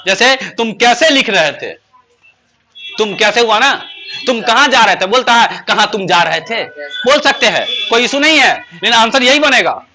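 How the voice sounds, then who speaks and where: A man teaches grammar to a class. His voice sits high and sounds sharp and forceful. He peppers his pupils with questions and slows right down to stress each English example sentence. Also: sing-song. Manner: asks pupils constant rhetorical questions; says English example sentences slowly and emphatically.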